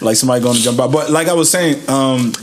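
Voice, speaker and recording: A man hosting a casual podcast interview, playful and quick to laugh. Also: medium pitch, slight background noise. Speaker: podcast host.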